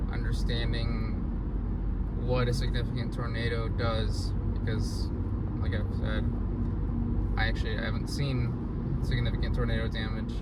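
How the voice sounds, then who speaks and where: A man records himself on a phone from inside a moving car, rambling and thinking aloud with lots of ums and restarts. His voice sits at an ordinary pitch and comes across a bit distant from the mic. Heavy road and engine noise runs underneath everything. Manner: rambling, reflective, halting with many fillers. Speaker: storm chaser. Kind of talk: solo vlog while driving. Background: loud car and road noise.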